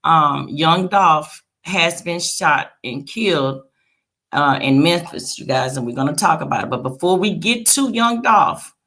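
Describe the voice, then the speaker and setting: A woman with a low-pitched voice hosts a celebrity news livestream. She talks casually and directly to her audience, often checking in with them as she goes through the story. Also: animated, unhurried, bright, forceful tone. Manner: chatty, addresses viewers as "y'all" and "you guys" with frequent "okay?" tags. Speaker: host of a celebrity gossip livestream.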